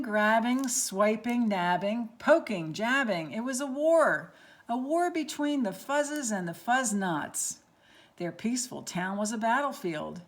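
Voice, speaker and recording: A woman reading a picture book aloud at storytime, expressive, with asides about the pictures. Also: a little high. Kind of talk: read-aloud storytime with voices.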